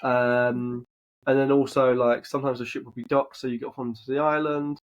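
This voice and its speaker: A man's voice: mid-range voice, little pitch movement, brisk, highs cut off. A young man co-hosting a podcast, chatting casually and rambling with lots of fillers. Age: young adult. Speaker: podcast co-host. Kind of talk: casual chat.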